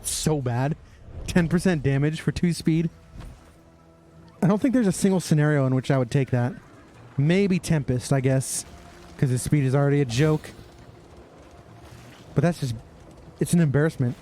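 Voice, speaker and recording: A man's voice: fairly high pitch, normal speed, pauses often, dark tone, soft background music. A young man giving casual, sarcastic commentary while playing a game. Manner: sarcastic, mocking, talks to himself. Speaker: streamer.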